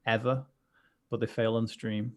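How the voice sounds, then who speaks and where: A man's voice: medium pitch, little pitch movement, a little slow, darkish tone. A man, a mental health coach, chatting earnestly on a livestream, rambling with many restarts. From United Kingdom. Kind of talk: casual conversation on a livestream.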